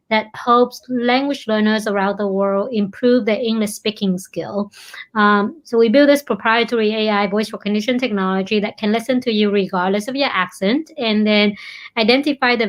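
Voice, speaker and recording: A woman from Vietnam with a Vietnamese accent, a company founder speaking as an interview guest, earnest and often repeating words as she searches for them. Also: fairly high pitch.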